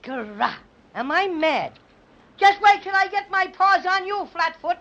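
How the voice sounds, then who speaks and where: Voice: sits high, very animated, normal speed, fairly bright tone. Cranky little stuffed bear, folksy and blustery, up and down voice, lo-fi old radio. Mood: indignant. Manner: boastful, hot-tempered, folksy. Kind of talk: 1930s radio acting. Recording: dull lo-fi old radio recording.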